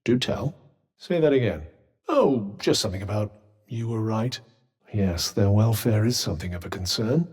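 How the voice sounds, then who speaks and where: Calm and dry, a British-accented actor plays a protective, witty magical cuff in scripted game dialogue, offering formal, well-spoken advice. His voice is fairly low, a little mellow and husky, expressive at a moderate pace, with a long reverberant tail.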